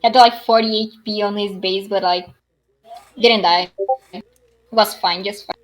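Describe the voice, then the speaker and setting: A woman's voice: mid-range voice, steady tone, measured pace, rough recording. Chatty woman trading game stories. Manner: chatty storyteller, eager exclamations. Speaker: tabletop game player. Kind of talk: casual chat during online tabletop game.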